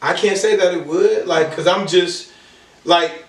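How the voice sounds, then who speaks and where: A man's voice: sits high, a little slow. A man in his thirties, a podcast guest in casual chat, earnest and repeating himself as he talks. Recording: echoey room, mic at a distance.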